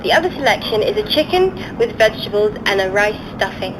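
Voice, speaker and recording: A woman's voice: medium pitch, big pitch swings, a little fast. A woman flight attendant making a polite, procedural plane cabin announcement. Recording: noisy aircraft cabin announcement. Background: aircraft cabin noise.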